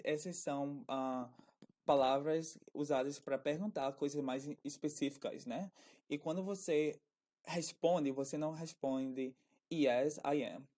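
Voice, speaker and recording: A man teaching a casual online English lesson, talking in a slow, halting way and often repeating words. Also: medium pitch, mellow.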